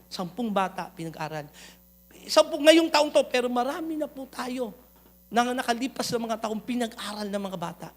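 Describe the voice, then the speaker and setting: A middle-aged man with a Filipino accent, a pastor preaching a Sunday sermon, slowing on key phrases and calling out questions to the congregation. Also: very high-pitched, lively intonation. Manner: calls out to the congregation, mixes English into Tagalog; emphatic, slows on key phrases.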